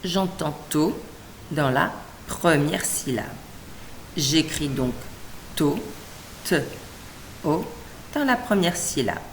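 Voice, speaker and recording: Female teacher, children's reading lesson; slow, melodic, syllable-by-syllable delivery with faint background hum. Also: deep voice, animated. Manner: slow, carefully segmented syllables, encouraging.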